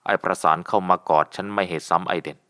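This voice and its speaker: A man voicing a gruff, cursing husband. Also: low-pitched, steady tone, fast talker, a bit bright. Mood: troubled. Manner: cursing, growling. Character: angry gruff young man, jealous husband.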